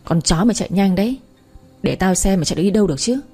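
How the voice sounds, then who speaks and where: A woman voicing a furious, jealous wife who shouts insults and threats in a read-aloud story. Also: mid-range voice, animated, quick pace, husky, soft background music. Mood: enraged.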